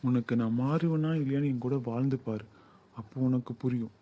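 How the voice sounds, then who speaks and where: A man's voice: mid-range voice, fairly quick, dark tone, natural voice. A young man acting a lovesick, possessive suitor who pleads and then insists in an audio drama. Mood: pleading. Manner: insistent, swings from pleading to commanding.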